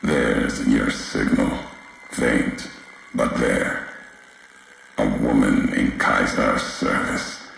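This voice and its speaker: An actor voices a history-obsessed, vengeful wasteland drifter in a slow, brooding game monologue, using a full character voice that is very deep and gravelly yet fairly bright in tone. He speaks in cryptic, clipped phrases with weighty pauses, solemn and knowing. The voice echoes heavily over faint background noise.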